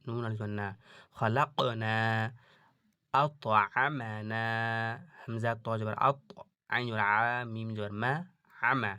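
A man teaching Quran reading in an online lesson. He explains slowly, puts questions to his students, and spells out the letters before reciting each word drawn out. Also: fairly low pitch, steady tone, pushed and bright, clear, resonant tone, no echo, clean studio sound.

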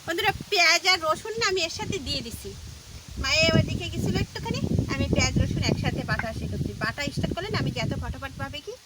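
A high-voiced woman narrates her cooking at a rapid clip, chatting casually as she works in a home kitchen. Loud frying and sizzling noise sits under her voice throughout. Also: lively intonation. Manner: talks very fast, rushes through. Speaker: home cook vlogger.

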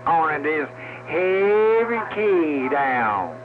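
A man's voice: a little high, sing-song, drawn-out words, background noise. A man calling in over a CB radio, rambling in CB slang. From Mississippi. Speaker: CB radio caller. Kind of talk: CB radio chatter. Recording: dull lo-fi radio speaker.

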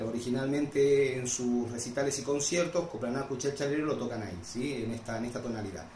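A man's voice: medium pitch, reverberant, slight background noise. A man with an Argentine accent teaching a folk guitar piece in a casual tutorial, patiently checking in with the viewer after each step. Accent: Argentine Spanish.

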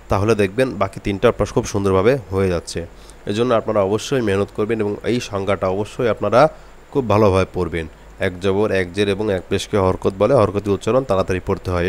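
Patient Bengali man drilling letter sounds. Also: on the low side. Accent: Bangladeshi Bengali. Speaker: Quran recitation teacher. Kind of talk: step-by-step recitation lesson.

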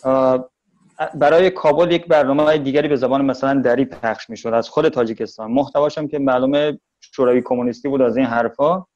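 A man from Tajikistan with a Tajik Persian accent, giving a thoughtful interview and slowing down to stress his points. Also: mid-range voice, fairly even intonation, darkish tone, dull audio.

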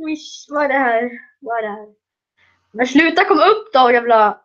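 Excitable high-voiced young woman gamer. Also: highs cut off. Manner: excitable, bursts into loud shrieking laughter. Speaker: gaming video creator. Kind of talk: casual gaming commentary.

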